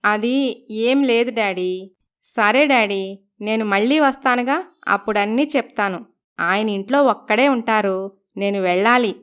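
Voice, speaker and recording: A woman's voice: medium pitch, unhurried, long pauses, a bit bright, clear, resonant tone, lightly acted. A woman voicing a troubled young married daughter in a cartoon story, apologetic and evasive. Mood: evasive, gentle.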